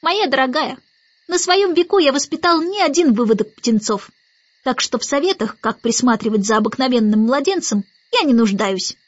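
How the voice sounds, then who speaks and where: A woman's voice: high-pitched, animated, normal speed, dry recording, lo-fi sound. Lady voicing chattery old bird guy, fussy and condescending. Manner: chattering, condescending, rasping whisper at times. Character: old male starling, fussy and sentimental.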